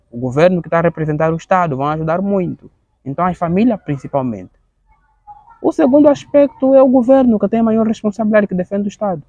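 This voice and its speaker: A man in his thirties with an Angolan Portuguese accent. He gives an earnest interview testimony, gravelly and halting, often repeating words as he searches for the next one. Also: fairly high pitch, a little mellow, no room sound, lo-fi sound. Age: 30s. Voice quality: gravelly, halting with frequent word repetitions.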